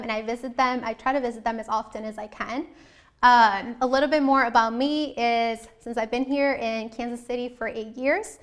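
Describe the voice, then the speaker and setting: Born in Colombia and raised in the US Midwest, a young woman hosts a show, speaking informally and earnestly to viewers about herself and often rephrasing mid-thought. Her voice is fairly high, fairly bright, clear and resonant.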